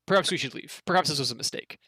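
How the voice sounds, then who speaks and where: A man's voice: on the high side, very fast, pushed and bright, husky, dry recording, clean studio sound. A man voicing a nervous female elf noble in a formal, hesitant manner for a tabletop game. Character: haughty, nervous female elf noble making polite excuses. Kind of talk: tabletop role-play.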